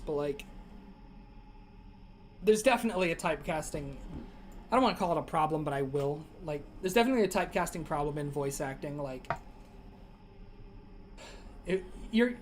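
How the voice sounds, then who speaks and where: This young man streams a game at a moderate pace in a fairly high voice, pausing often, with slight background noise. His casual chat rambles from idea to idea, his throat dry, with many fillers and restarts.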